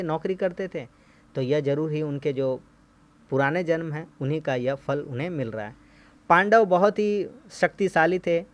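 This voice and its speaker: A man teaching a school Hindi lesson, who asks questions and answers them himself and has students repeat word lists after him. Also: a little high. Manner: friendly and reassuring, says "ठीक है भैया". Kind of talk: explaining a class 7 Hindi lesson.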